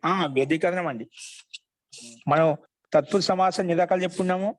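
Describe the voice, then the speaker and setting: Teacher with a slightly high voice explaining grammar. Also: male voice, no echo, rough recording. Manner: explains slowly, repeating example phrases. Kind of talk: online class lesson.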